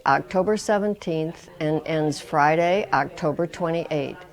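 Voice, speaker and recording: Woman reading a formal announcement, low-pitched. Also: a little mellow. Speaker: residents' council committee member. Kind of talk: read announcement.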